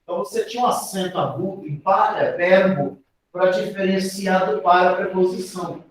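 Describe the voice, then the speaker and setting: A man's voice: high-pitched, steady tone, normal speed, a little hiss or hum. A man with a Brazilian accent teaching a grammar lesson for an exam, explaining step by step and often adding tag questions. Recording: very echoey room, voice from a distance.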